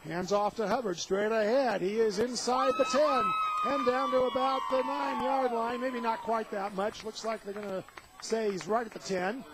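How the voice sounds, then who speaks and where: This radio play-by-play man, an American covering a football game, speaks at an ordinary pace in a very high voice with fairly flat intonation. Crowd noise from the open-air stadium fills the broadcast.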